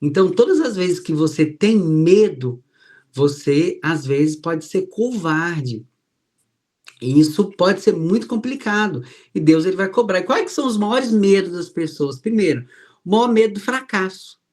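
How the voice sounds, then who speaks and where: A man's voice: lively intonation, measured pace, darkish tone. A man preaching a sermon, telling personal stories and acting out the people he quotes. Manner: storytelling, acts out quoted voices with rising pitch.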